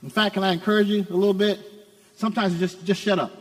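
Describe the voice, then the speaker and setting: A male pastor delivers an impassioned sermon in a high, ringing voice. He surges to urgent peaks, then drops to hushed asides, restarting and repeating words to press his point. His voice trails into the long reverb of a large church hall. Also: fairly even intonation, quick pace.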